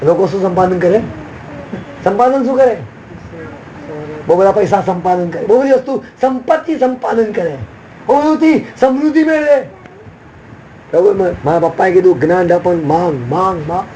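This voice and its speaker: A man's voice: high-pitched, normal speed, pauses often, warm tone, a little hiss or hum, poor audio. A man preaching a sermon as a pastor, with sudden emphatic rises and repeated refrains.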